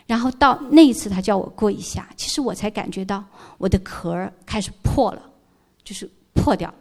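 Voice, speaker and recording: A woman's voice: mid-range voice, expressive, moderate pace, darkish tone. A middle-aged woman giving an emotional church testimony, telling her story earnestly and dropping in English words.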